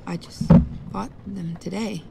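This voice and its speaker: A gravelly-voiced wife in a game. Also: female voice, mid-range voice, steady tone, measured pace, very noisy. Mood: uneasy. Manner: guarded, then frantic when arrested. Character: young wife caught up in a nightmare evening.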